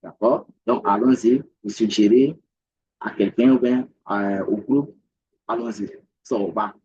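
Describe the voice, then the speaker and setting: A man with an Ivorian French accent teaches a Mandarin lesson, repeating each word slowly and checking whether his students follow. His voice is husky and his pace unhurried. The recording sounds dull and lo-fi. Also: fairly low pitch, mellow. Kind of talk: language lesson.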